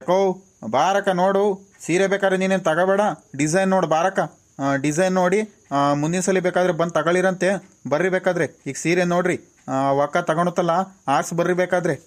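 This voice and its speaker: A pushy travelling sari seller, played by a man, coaxes his customers with a steady stream of sales patter. His voice sits a little high, and he speaks. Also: brisk, lightly acted. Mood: coaxing.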